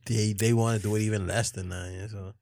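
A man's voice: on the low side, fairly even intonation, fairly quick, darkish tone. A man in casual group banter with a slangy, teasing way of talking.

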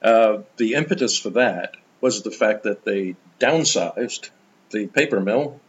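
An older man, a guest in an interview, telling stories in an animated, enthusiastic way. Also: lowish voice, unhurried, highs cut off. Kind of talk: conversational storytelling.

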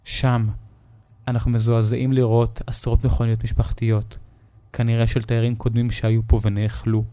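A man narrating a scripted horror story in the first person, steady and measured. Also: medium pitch, no room sound.

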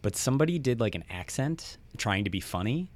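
A man's voice: medium pitch, big pitch swings, brisk. A young man in casual podcast chat, rambling with restarts and fillers.

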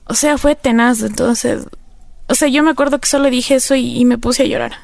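A woman's voice: on the high side, fairly even intonation, brisk, creaky, darkish tone. A woman with an Ecuadorian accent, candidly telling her personal recovery story in an interview, rambling with many fillers. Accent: Ecuadorian Spanish. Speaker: interview guest.

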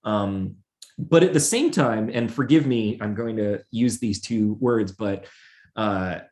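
Man co-host, a bit low, halting and musing. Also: darkish tone. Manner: musing, halting, many fillers and restarts. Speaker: podcast co-host. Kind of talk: casual chat.

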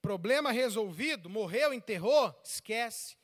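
A man's voice: high-pitched, expressive, measured pace. A man preaching a sermon as pastor, acting out the voices of people in his stories and asking the congregation questions. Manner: preaching with call-and-response questions; acts out church members' voices while telling stories. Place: large church. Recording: long reverb of a large hall.

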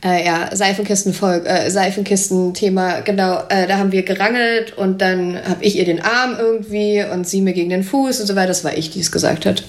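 A woman chatting casually about her old acting work. She retells scenes with animated energy and laughs often along the way. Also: medium pitch, brisk, few pauses. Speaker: former actress on a TV series, podcast guest. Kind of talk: casual chat, recalling filming.

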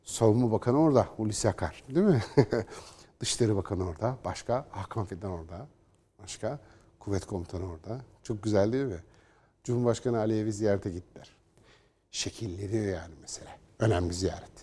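A man's voice: on the low side, quick pace, husky. A man giving opinionated solo political commentary, sarcastic and combative, mocking opponents with put-on quotes. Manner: reads news passages aloud in a flatter tone.

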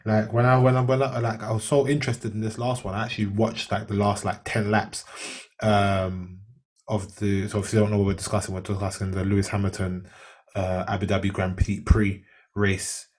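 A man with a London roadman accent talks casually in street slang. His voice sits fairly low with a husky edge, and he tells things in an animated, storytelling way. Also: moderate pace. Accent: London, urban street.

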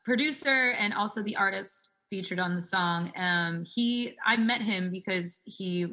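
A woman's voice: mid-range voice, unhurried, sharp tone. A woman in her twenties, a singer telling stories in a casual interview, chatty and full of "like" fillers. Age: 20s. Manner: chatty, fills speech with "like". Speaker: singer guest.

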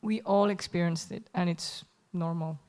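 A woman's voice: fairly low pitch, steady tone, moderate pace, a little mellow. Woman interpreting a sermon live. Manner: hesitant, searching for words with fillers and self-corrections. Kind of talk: live consecutive translation voice-over of a sermon. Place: church.

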